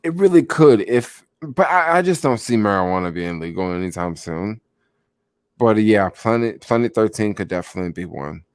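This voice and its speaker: A man's voice: lowish voice, animated, moderate pace, no echo. A young man chatting casually about stocks on a livestream, rambling with lots of fillers and answering viewers, sounding sleepy. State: sleepy, yawning. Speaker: stock vlogger.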